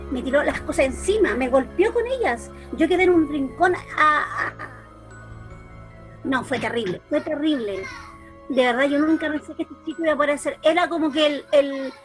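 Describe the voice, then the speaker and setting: A woman with a Chilean accent, a church youth leader, telling a story over a group video call in an animated way, full of restarts and repeats. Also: high-pitched.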